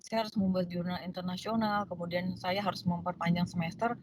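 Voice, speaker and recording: A woman lecturer telling a personal story to her class in a lively way, acting out the voices of the people in it, with many fillers. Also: lowish voice, a little fast, heavy background noise. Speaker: law lecturer.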